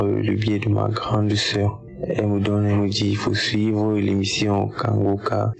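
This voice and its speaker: Low, flat-voiced man giving earnest testimony. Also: vocal fry. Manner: earnest, repetitive phrasing. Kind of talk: spoken testimony.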